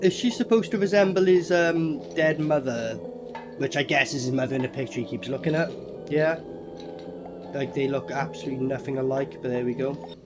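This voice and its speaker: A man's voice: medium pitch, brisk, over music. A man giving casual, mocking running commentary on a film, sarcastic and full of swearing. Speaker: horror film reviewer reacting while watching.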